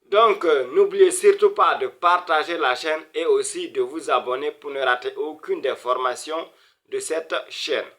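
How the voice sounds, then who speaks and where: A man's voice: a little high, unhurried, pushed and bright. A man teaching a beginner Arabic reading lesson, sounding out words syllable by syllable and repeating them. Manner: greets viewers as brothers and sisters.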